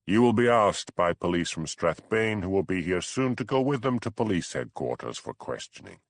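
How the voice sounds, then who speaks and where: Quiet, stubborn Highland constable, Scottish accent, measured and flat, the reader's own voice. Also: male voice, dry recording. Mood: firm.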